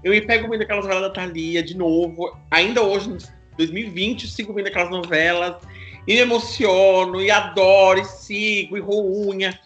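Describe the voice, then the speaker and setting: A man in his thirties from Brazil, hosting a casual chat, animated and confessional, acting out other people's reactions. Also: sits high, normal speed, faint music behind.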